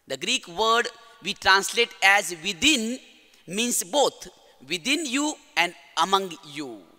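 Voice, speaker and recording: Male priest, piercingly bright, deliberate homily delivery, long church reverb. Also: high voice, animated. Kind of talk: gospel reading and homily.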